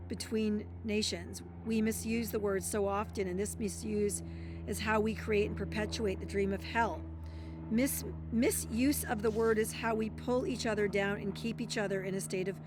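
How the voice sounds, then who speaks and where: A woman's voice: mid-range voice, steady tone, normal speed, noisy background. Woman reading aloud with blunt asides. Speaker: self-help speaker. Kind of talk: reading a book aloud with commentary.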